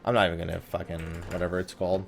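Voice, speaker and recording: In a low, creaky voice with flat delivery, a let's play host rattles off very fast commentary on a video game. He's casual, cursing and griping sarcastically, while faint music plays behind him.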